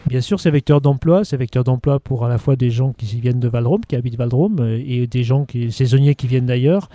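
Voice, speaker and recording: A man's voice: medium pitch, fairly quick, dark tone. A middle-aged man from Haute-Savoie, a local official answering interview questions in a hesitant way with many restarts. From Haute-Savoie, France. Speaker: local government official managing outdoor sites.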